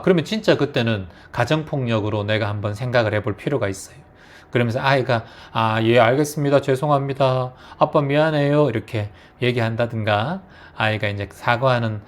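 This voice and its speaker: Brief: male dharma teacher, relaxed storytelling that acts out quotes. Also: mid-range voice. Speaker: meditation teacher. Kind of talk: dharma talk.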